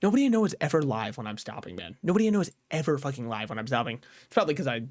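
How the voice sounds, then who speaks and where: A man with a medium-pitched, sing-song voice talks at a racing pace while streaming a card game. He chats loosely about his moves, curses occasionally, and chuckles at his own jokes, with faint music in the background.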